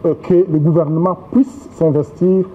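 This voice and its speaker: A man's voice: on the high side, steady tone, dark tone. Man explaining things over a thin, phone-like line. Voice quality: measured, explanatory. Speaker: official interviewed in a news piece. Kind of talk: interview statement. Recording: phone-like thin sound with faint noise.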